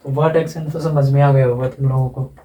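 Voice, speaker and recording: Male tutor with a mellow tone, patient and repetitive, recorded in a roomy space. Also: medium pitch, fairly even intonation. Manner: explains slowly with repetition and asides. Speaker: teacher. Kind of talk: classroom lecture on English phonetics. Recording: echoey room, from far off.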